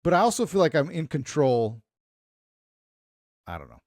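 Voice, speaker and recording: A man's voice: a little high, moderate pace, dry recording, clean studio sound. Rambling middle-aged man telling stories. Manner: rambling storyteller, animated retellings. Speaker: podcast co-host. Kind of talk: casual chat.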